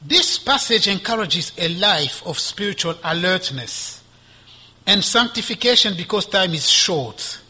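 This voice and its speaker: A man preaching a sermon, reading scripture slowly and deliberately with emphatic rises. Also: sits high, animated, husky. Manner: asides with soft laughter.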